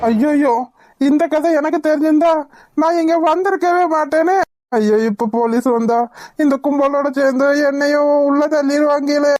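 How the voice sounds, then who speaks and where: A woman's voice: high-pitched, normal speed, a little mellow, dry recording, close to an everyday voice. Woman voicing a fretful male cartoon priest. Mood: panicky. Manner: whiny, flustered pleading. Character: fretful male wedding priest, timid and talkative. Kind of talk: cartoon voice acting.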